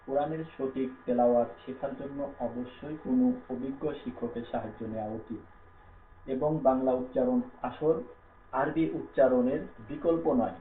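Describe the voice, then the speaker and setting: A man teaching a Quran reading class, slowly spelling out each letter and repeating it patiently, with a Bangladeshi Bengali accent. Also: mid-range voice. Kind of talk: slow classroom-style lesson, spelling out letters. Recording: tinny phone-like sound in an echoey room with faint hum.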